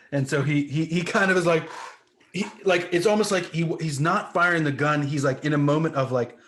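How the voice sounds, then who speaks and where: A man's voice: on the high side, normal speed, fairly bright tone. A man co-hosting a comic book podcast, talking casually and acting out the panels with sound effects. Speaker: podcast co-host.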